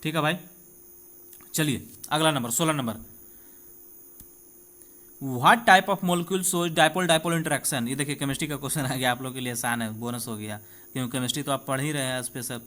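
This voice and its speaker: With long pauses at a moderate pace, a Bihari-accented man uses a mid-range voice that's bright and forceful. His informal exam-prep lesson has him reading quiz questions and explaining answers, speaking to students conversationally and checking in repeatedly.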